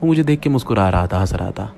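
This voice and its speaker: A man with a low voice tells a first-person horror story. He keeps addressing his listeners as friends and builds suspense with dramatic pauses. A faint hum of ambience sits underneath. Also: expressive, creaky, a little mellow.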